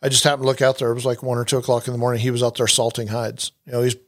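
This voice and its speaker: A man hosts a casual hunting podcast in a mid-pitched voice. He rambles, restarts his sentences and leans on fillers as he talks. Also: little pitch movement, rapid-fire. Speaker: podcast host and hunting outfitter.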